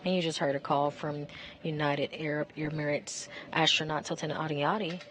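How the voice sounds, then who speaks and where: A woman giving measured, informative live commentary as a public affairs announcer for a spacewalk. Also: deep voice, steady tone, a bit bright, slight background noise.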